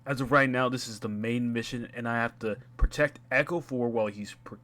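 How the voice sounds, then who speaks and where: A man talking casually over his gameplay as a gaming YouTuber, chatty and quick to laugh at himself. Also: medium pitch, steady tone, bright, forceful tone. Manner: chatty, laughs at himself, restarts mid-sentence. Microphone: home gaming mic.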